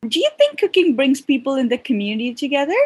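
A woman hosting a podcast, reading a scripted intro and asking interview questions in a friendly, measured way. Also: sits high, very animated, a little mellow, dry recording.

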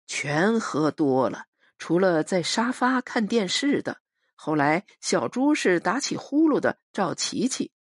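A woman narrating a novel as an audiobook, in a measured, expressive storytelling manner. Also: medium pitch, breathy edge, no echo, clean studio sound.

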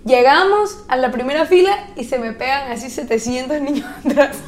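A young woman from Ecuador telling a story in casual chat, animated and laughing often as she acts out the people in it. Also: high voice, normal speed.

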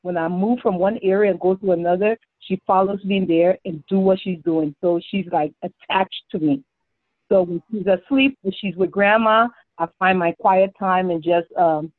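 A woman's voice: lowish voice, no room sound. A woman, a mother who is a guest on a podcast, chatting casually and telling stories, laughing often. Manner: warm storytelling, laughs often. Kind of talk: casual interview chat. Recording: tinny phone-like line, dry.

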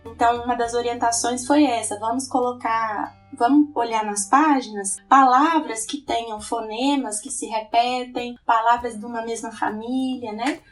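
A woman with a Brazilian Portuguese accent talks through her teaching process in an earnest, explanatory way, checking in with frequent tag questions. Her voice is a little higher than usual and sounds slightly distant from the microphone. Faint music plays in the background. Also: fairly even intonation, moderate pace, few pauses. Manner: earnest, often tags "né". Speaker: educator. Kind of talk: explanatory presentation.

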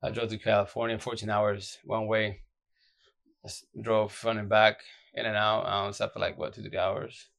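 A man speaks in a low, groggy voice that sounds drained from lack of sleep. He gives advice casually and off the cuff, like a streamer talking to followers. His delivery is blunt and slangy, circling back over the same short phrases. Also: flat delivery, normal speed, gravelly, fairly bright tone. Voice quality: deep, groggy voice. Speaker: social media advice streamer.

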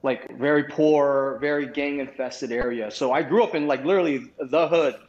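A Vietnamese man in his thirties, appearing as a podcast guest, tells his life story in a casual, rambling way, restarting often and leaning on fillers. His voice is a little high and darkish, at normal speed, in a roomy, dull lo-fi recording.

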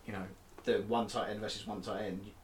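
A man's voice: lowish voice, level tone, fast, slight background noise. A man co-hosting a casual sports podcast, chatty and self-mocking with many fillers. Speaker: podcast co-host.

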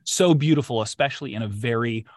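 A man's voice: medium pitch, fast talker, dry recording. Effusive male interviewer in a dry space. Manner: effusive, encouraging. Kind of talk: casual conversational interview.

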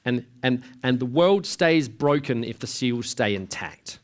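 A man's voice: mid-range voice, animated, a little slow. A man preaching a sermon in a conversational way, asking rhetorical questions and often restarting his sentences. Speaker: pastor.

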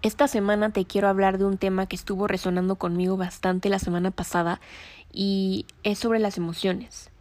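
A woman hosting a reflective self-help talk, speaking gently and conversationally and asking her listener questions. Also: mid-range voice, level tone, moderate pace, no echo. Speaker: podcast host.

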